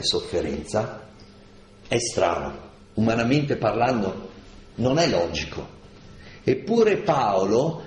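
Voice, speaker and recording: A man giving a slow, deliberate lecture on scripture, stressing key words and asking rhetorical questions. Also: fairly low pitch, slight background noise. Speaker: lecturer on Paul's letters. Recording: echoey room with faint ambience.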